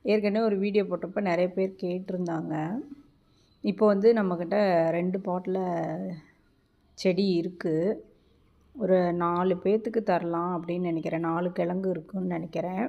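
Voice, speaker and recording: A woman's voice: on the low side, little pitch movement, moderate pace, long pauses, muffled recording. A woman gardening vlogger talking casually at home, chatty and informal, often cutting off and restarting words.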